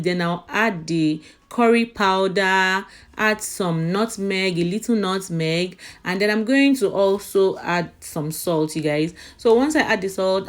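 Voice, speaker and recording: A woman narrating a recipe casually as a cooking vlogger, chatting directly to her viewers. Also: medium pitch. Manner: chatty, addresses viewers as "you guys" often.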